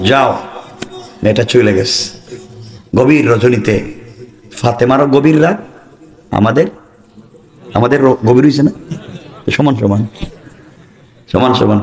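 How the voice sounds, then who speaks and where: A man preacher telling a story in a sermon, slow and dramatic, rising to shouts. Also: medium pitch. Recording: echoey open-air PA sound.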